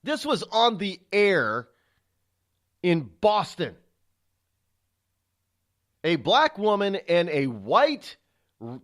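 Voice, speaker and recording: High-voiced and slightly bright, a middle-aged man on his talk radio show rants with indignant rhetorical questions, frequently tripping over words and leaning on fillers.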